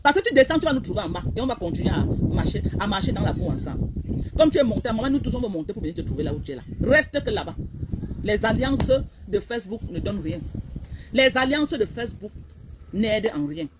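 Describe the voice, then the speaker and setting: A woman's voice: mid-range voice, lively intonation, fast, heavy background noise. A woman blogger, delivering a heated, repetitive, confrontational rant on a live stream.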